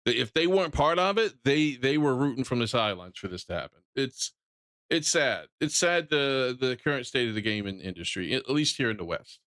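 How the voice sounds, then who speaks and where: A man's voice: mid-range voice, expressive, brisk, a bit bright, dry recording, studio quality. Ranting Southern man on a stream. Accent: Southern American. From Southern United States. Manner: ranting, blunt, repeats and restarts phrases. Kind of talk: live-stream reaction commentary.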